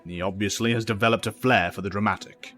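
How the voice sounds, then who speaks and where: Man playing low-voiced, patient professor. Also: steady tone, a bit bright, soft background music, natural voice. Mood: grave. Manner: patient, measured, authoritative. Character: calm, grave older professor mentoring young mutants. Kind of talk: audio drama acting.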